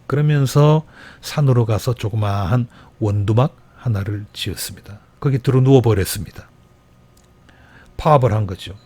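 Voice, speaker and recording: A man's voice: lowish voice, normal speed, dark tone, breathy edge. A man preaching a Sunday sermon as pastor, telling a Bible story and acting out the quoted voices with rising emphasis. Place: church.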